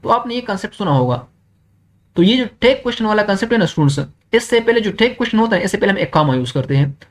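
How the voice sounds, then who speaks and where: A young man, teaching an exam-prep grammar lesson, who keeps checking in with students and reads English examples slowly. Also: sits high, animated.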